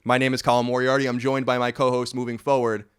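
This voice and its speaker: Rambling through a casual podcast, a thirty-something American man keeps correcting himself with wry comments. His mid-range voice is smooth and monotone, and he speaks fast.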